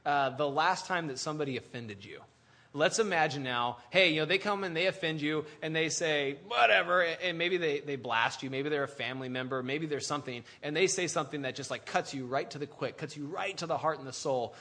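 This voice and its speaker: Male pastor, fairly high and bright, lively conversational sermon style. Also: a little fast. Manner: animated, conversational preaching with restarts and asides.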